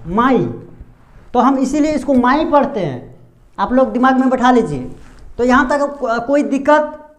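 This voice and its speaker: An English teacher gives a pronunciation lesson at a whiteboard, posing rhetorical questions and repeating sounds. His voice is extremely high-pitched.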